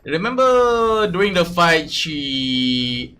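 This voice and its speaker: A streamer from Malaysia hosting a relaxed voice chat, his voice bright and a bit higher than most men's. He wanders through his points with lots of fillers and false starts, picked up by a desk mic. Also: slow pace, smooth. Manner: hesitant, many fillers and restarts. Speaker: streamer host. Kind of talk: casual livestream chat.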